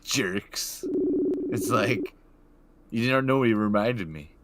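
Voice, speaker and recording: A man co-hosting a casual podcast chat, trading dry jokes and quiet asides. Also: on the low side, animated, a little slow, heavy background noise. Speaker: podcast co-host. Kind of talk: casual post-show chat.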